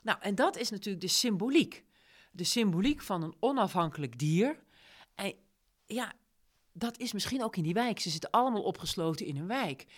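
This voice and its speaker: A woman leading a casual discussion of a story, retelling scenes with lively quoted lines. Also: medium pitch, normal speed. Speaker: discussion leader.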